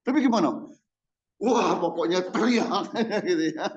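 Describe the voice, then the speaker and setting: A man preaching a sermon as a pastor, animated and jokey, often mimicking loud, demanding prayers. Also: sits high, unhurried, breathy edge, lo-fi sound.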